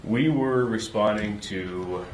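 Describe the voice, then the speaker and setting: A man testifying as a search and rescue witness, answering questions haltingly with fillers, played from a courtroom recording. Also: on the low side, a little mellow. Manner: halting, with many fillers and restarts. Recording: roomy courtroom recording with background noise.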